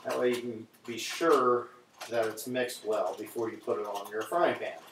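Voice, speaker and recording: A man casually talks to viewers between kitchen chores, his bright, forceful voice ringing with an echoey, cave-like sound. He is picked up from a few steps off the mic, over a faint hiss. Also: fairly low pitch, fairly even intonation, normal speed, distant mic. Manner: chatty, talks to viewers while fiddling with audio settings. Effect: echoey, cave-like room sound. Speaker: livestream host cooking breakfast. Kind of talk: casual livestream chat while cooking. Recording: roomy echo, off-mic, faint noise.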